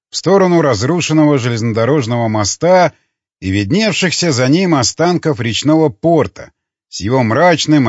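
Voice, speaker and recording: A man narrating an audiobook in an expressive, dramatic reading. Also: medium pitch, dry recording, highs cut off. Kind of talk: scripted narration.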